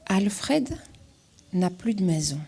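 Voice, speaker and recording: A woman with a Belgian accent reads her own storybook aloud to children, very slowly and gently. Her voice is very breathy and has a dark, mellow tone. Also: medium pitch, very animated. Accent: Belgian French. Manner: slow, gentle reading with voiced characters. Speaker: author-illustrator reading her picture book.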